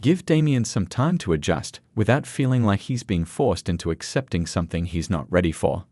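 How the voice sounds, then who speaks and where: A man reading the lines of a gentle young woman who speaks softly and kindly. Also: low voice, expressive, moderate pace, no echo. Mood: soft sympathetic. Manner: soft, sympathetic. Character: gentle young woman, caring daughter-in-law.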